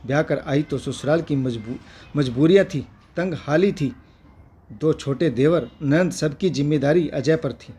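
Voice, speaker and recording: Husky male storyteller. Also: fairly high pitch, unhurried. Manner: steady, earnest storytelling. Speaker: storyteller and channel host. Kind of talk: narrating a family story.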